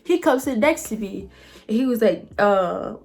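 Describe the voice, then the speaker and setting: A woman vlogger telling a story straight to her viewers in an animated, colloquial way. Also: fairly high pitch, unhurried, creaky. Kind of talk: casual storytelling to camera.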